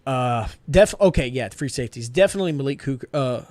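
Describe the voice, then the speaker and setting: A man's voice: mid-range voice, lively intonation, fairly quick, a little mellow, no room sound. Upbeat man making confident sports picks. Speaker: podcast co-host. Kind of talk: casual sports podcast chat.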